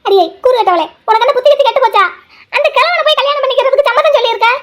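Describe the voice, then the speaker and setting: Frightened old granny in a cartoon, shrill and very high, scolds and laments. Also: female voice, fairly even intonation, brisk. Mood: scolding. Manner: wailing, pleading and scolding. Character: worried elderly grandmother, fretful and scolding. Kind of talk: cartoon voice acting.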